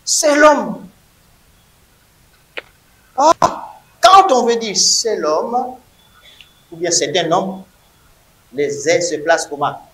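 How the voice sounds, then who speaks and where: A man's voice: high voice, lively intonation, takes it slowly, pauses often, sharp tone, echoey room, slight background noise, poor audio. A man teaching a Hebrew grammar lesson to a class, emphatic and repeating words to drill them.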